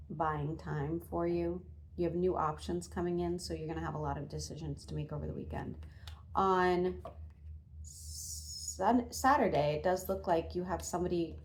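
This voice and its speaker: A woman with a slightly low voice reads tarot cards for her viewers in an easy, chatty way. She talks off the cuff, with frequent fillers and restarts, and a faint hiss sits behind her. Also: a little mellow. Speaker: tarot reader. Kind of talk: casual spoken tarot reading.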